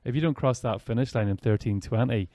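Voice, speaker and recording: A man's voice: mid-range voice, fairly quick, mellow, dry recording. A man hosting a podcast, reflecting in a casual, thinking-aloud way. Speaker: podcast host. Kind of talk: casual interview chat.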